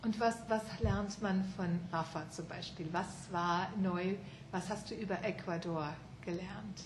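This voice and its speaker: A woman's voice: mid-range voice, steady tone, a little slow. Encouraging woman teacher in an echoey room. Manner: encouraging, with frequent affirmations and prompts. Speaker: language teacher interviewing a student. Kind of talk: conversational oral language interview. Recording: roomy echo, clear background noise.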